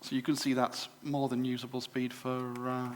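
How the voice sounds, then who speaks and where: A man's voice: mid-range voice, completely flat delivery, moderate pace, slight background noise. Chatty English man demoing at a show. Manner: chatty, with frequent fillers and self-corrections. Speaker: presenter at a computer club show. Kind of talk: live product demonstration to an audience. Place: exhibition room at a club show.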